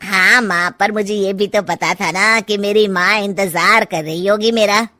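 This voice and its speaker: A woman's voice: mid-range voice, fairly even intonation, a little slow, bright, forceful tone, dry recording. A woman playing a casual, self-assured adult son in a family story. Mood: breezy. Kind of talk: acted dialogue in a family audio story.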